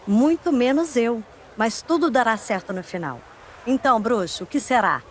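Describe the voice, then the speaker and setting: An actress playing a sly, breezy, daring circus performer in a dubbed video game. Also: female voice, a little high, expressive, normal speed, a little hiss or hum, natural voice. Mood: confident.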